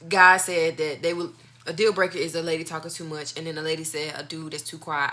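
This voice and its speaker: Bright, forceful woman chatting casually. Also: on the low side. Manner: candid, opinionated, informal slangy speech. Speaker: mukbang video host. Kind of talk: casual chat to viewers.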